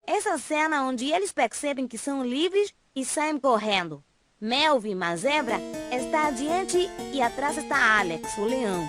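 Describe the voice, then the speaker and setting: Curious cartoon schoolboy, higher-pitched and lively, over music. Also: female voice, measured pace. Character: curious young boy pupil in educational cartoon. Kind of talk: scripted educational cartoon dialogue.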